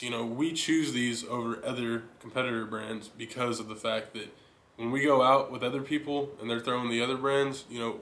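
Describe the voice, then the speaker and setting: A young man hosting a fishing channel, giving a steady, enthusiastic rundown of his lures in a casual chat. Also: medium pitch, slight background noise. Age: young adult. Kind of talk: casual gear talk to camera. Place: indoor living room.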